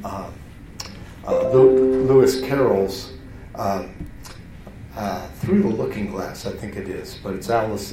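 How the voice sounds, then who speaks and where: A man's voice: mid-range voice, mellow, far from the mic, slight background noise. Man lecturing in a roomy hall. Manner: conversational, self-interrupting with restarts and fillers. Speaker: teacher. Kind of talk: lecture to a class.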